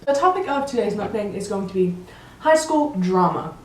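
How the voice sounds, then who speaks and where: A young woman vlogger telling high school drama in a chatty, dramatic, sarcastic way while eating. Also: expressive, normal speed, a little mellow, echoey room, slight background noise, low-quality recording. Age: young adult. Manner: chatty, dramatic, holds grudges, sarcastic asides. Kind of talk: casual storytime while eating. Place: car, then indoors at a table.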